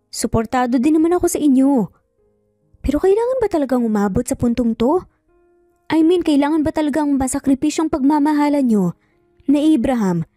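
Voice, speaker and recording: In an audio drama, a female storyteller voices a caring older sister who gently and earnestly pleads to persuade. Her voice is mellow and higher, recorded close and dry with no echo, over music.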